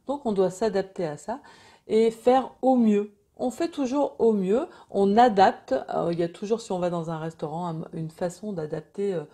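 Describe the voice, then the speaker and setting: A woman's voice: mid-range voice, warm tone. A woman gives an informal, encouraging and reassuring motivational talk as a wellness coach.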